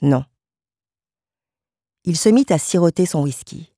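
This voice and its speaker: A woman narrating a literary short story in a calm, measured way. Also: low voice, slightly rough, no echo, clean studio sound. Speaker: audiobook narrator.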